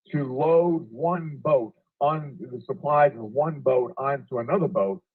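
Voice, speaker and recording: Man on a choppy video call. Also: medium pitch. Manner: halting, filler-heavy storytelling. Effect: remote video call connection that keeps breaking up. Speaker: call-in guest. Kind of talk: casual panel discussion. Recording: tinny phone-like video call audio.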